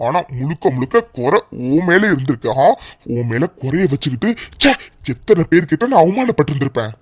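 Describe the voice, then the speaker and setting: A man's voice: a little high, very animated, a little fast. A man voicing a bitter, humiliated husband in a cartoon serial who scolds his wife harshly. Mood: angry scolding.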